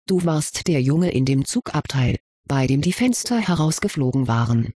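A curious, kindly male wizard professor, as a reader puts him on, questions a student with mild amusement in an audiobook. The voice is husky and a little breathy. It sounds close and dry. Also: mid-range voice, lively intonation, moderate pace, no room sound. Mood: probing. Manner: gently questioning, mildly amused. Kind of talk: audiobook character reading.

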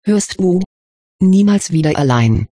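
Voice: mid-range voice, animated, measured pace, warm tone, no echo, studio quality. A reader voicing a caring but decisive teenage schoolgirl, in a storybook reading. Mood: firm.

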